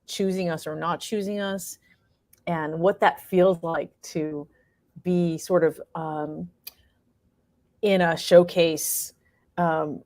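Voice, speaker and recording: Her voice sits fairly low with a darkish tone, recorded in clean studio quality without echo. She's a middle-aged American woman, a playwright and actor, reflecting as an interview guest and animatedly voicing her own thoughts within her stories.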